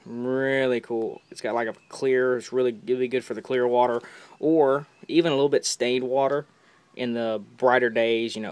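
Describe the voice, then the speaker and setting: A man's voice: medium pitch, darkish tone, smooth, dry recording. A young man casually chatting while unboxing gear, enthusiastic and rambling, often repeating words, on a camera held close. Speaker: fishing vlogger.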